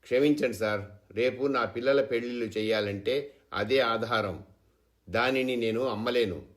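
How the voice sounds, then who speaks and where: A man's voice: mid-range voice, moderate pace, natural voice. A man voicing a stubborn farmer husband who speaks with indignation and bitterness. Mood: indignant. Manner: indignant, then weary.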